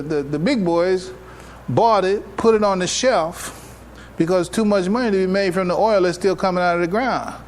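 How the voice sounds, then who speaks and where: An American man serving as an imam gives an informal religious lecture to a congregation at a live mosque gathering, addressing attendees and taking questions. His high voice is conversational and folksy, often checking in with rhetorical questions, recorded live in a noisy room.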